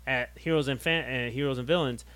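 A man's voice: medium pitch, fairly quick, smooth, no echo. A young man co-hosting a wrestling podcast, telling stories in casual banter and swearing freely. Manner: animated, swearing, storytelling. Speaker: podcast co-host.

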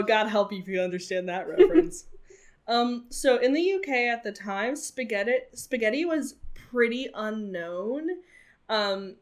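Woman, podcast co-host, casual chat, storytelling, frequent ums. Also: mid-range voice.

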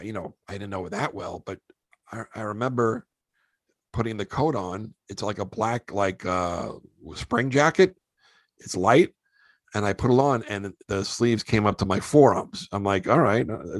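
A man who hosts a podcast, telling animated show-business anecdotes in a casual way. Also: on the low side, no room sound. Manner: animated anecdotes, acts out quoted voices. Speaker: podcast host and actor. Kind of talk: casual storytelling.

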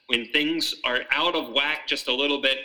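A man's voice: medium pitch, fairly even intonation, normal speed, sharp tone, rough recording. A man co-hosting a casual podcast chat about a film, talking in a hesitant way with many restarts. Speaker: podcast co-host.

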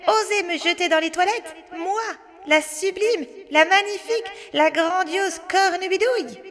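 A woman voicing a boastful, spiteful female witch with a shrill, theatrical voice, read as a storybook. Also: measured pace, fairly bright tone, big-room sound. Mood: furious.

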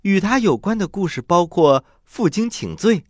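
A man hosting a children's story show, telling tales expressively and pausing to explain things to young listeners. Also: high-pitched, animated, no echo, studio quality. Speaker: host and storyteller.

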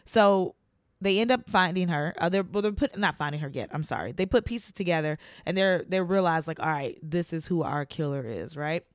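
A woman co-hosting a true crime podcast in casual chat, animated and slangy, acting out quotes. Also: fairly low pitch, fairly quick, dry recording, studio quality. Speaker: podcast co-host.

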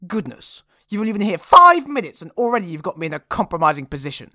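A woman's voice: lowish voice, sing-song, quick pace, pushed and bright, no echo, studio quality, heavily acted. A woman playing a vain, lazy, pompous male detective in a comic audio drama, petulant and theatrical in manner. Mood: indignant, boastful.

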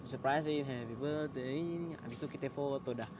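A young man, casually telling a story and acting out his shouting friends. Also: medium pitch, fairly even intonation, moderate pace, background noise. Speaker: guest storyteller. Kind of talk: casual chat.

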